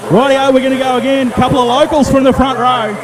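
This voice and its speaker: An Australian man calling a race as a motorsport commentator, excited, colloquial and punchy. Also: extremely high pitch, quick pace, noisy background. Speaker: speedway race commentator and trackside interviewer. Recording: loud race car engines behind the voice. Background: race cars, engines and tyre squeal.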